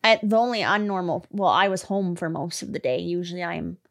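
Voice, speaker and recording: A woman's voice: lowish voice, fairly quick, gravelly, a bit bright. A woman chatting casually as co-host of a true crime podcast. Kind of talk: casual chat.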